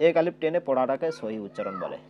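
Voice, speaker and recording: A man's voice: mid-range voice, very animated, quick pace, faint music behind. A man teaching Quran letter reading. He asks his own questions and answers them, and he draws out the letter sounds to show them. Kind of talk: step-by-step lesson with drawn-out letter demonstrations. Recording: dull lo-fi sound.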